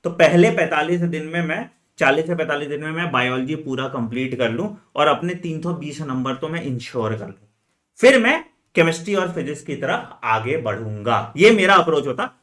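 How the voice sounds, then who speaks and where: A man coaching medical entrance students in an energetic, chatty lesson, talking straight to them and dropping frequent fillers. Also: a little high, a little fast. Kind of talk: energetic exam-strategy lesson, chatty Hinglish.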